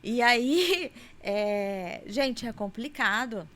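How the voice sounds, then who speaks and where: Brazilian woman guest on a podcast, fairly high voice, animated, acts out stories, laughs a lot. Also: very slow. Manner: animated storyteller who acts out quotes and laughs often. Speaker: guest specialist in infant feeding. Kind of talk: casual podcast chat.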